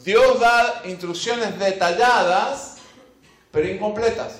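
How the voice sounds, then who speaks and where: A man's voice: high voice, slow, a bit bright. A man preaching a sermon, reading scripture and then speaking straight to his listeners, stressing and repeating his key phrases. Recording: echoey room.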